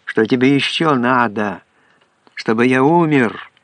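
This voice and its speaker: A man's voice: medium pitch, a little slow, fairly bright tone, dry recording, close to an everyday voice. A man reading an audiobook plays a bitter, mocking middle-aged man on the edge of hysteria.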